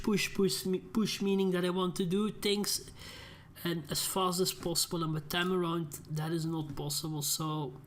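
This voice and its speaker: A young man giving casual gameplay commentary, rambling into ranting asides. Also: high voice. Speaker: gaming channel host.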